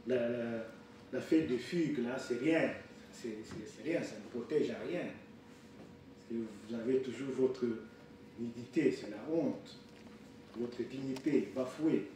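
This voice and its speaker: A man in his sixties preaching a sermon, halting with fillers and restarts. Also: medium pitch, warm tone, a little hiss or hum. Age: 60s. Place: church hall. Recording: echoey room, picked up from far off.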